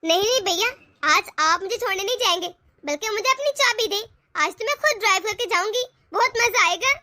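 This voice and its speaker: A woman's voice: very high-pitched, expressive, brisk, sharp tone, no room sound, exaggerated voice. A spoiled eager college girl. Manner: eager, wheedling.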